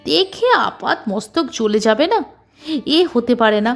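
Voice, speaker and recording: A woman narrating a short story in an expressive, dramatic reading style. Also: on the high side, measured pace, gravelly, soft background music. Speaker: story reader.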